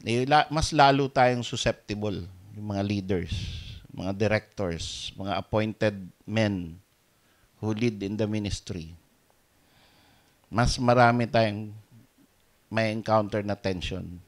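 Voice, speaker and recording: Slow, dynamic Filipino pastor preaching. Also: male voice, lowish voice. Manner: switches between Tagalog and English, swinging from soft asides to loud emphatic peaks. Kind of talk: sermon.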